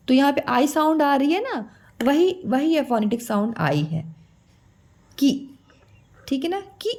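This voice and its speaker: Slow, high-voiced woman teaching children. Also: darkish tone. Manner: slow, drawn-out syllables for children; calls the listener "beta". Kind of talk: children's Hindi lesson.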